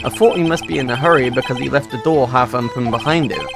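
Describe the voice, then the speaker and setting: A man's voice: mid-range voice, fast talker, gravelly, music in the background, natural voice. A man voicing a nervous male newspaper salesman witness in a put-on posh British accent. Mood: solemn. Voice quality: posh, stiff.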